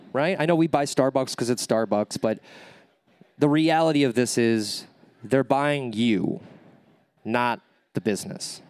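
A nasal-voiced man gives a live workshop talk on an event stage, energetically coaching the audience and answering questions while checking in with "okay?" and "right?". His voice is mid-range, with no echo.

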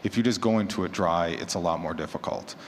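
A man with a low voice and quick pace chats on a convention panel, where he appears as a horror fiction podcaster. His tone toward the audience is casual, conversational and encouraging. Background noise is clear in the echoey, large indoor hall.

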